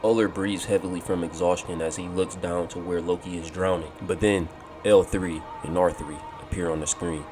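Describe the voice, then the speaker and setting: A man giving a scripted narration of a game story and walkthrough, steady and explanatory, over clear background music. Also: deep voice, moderate pace.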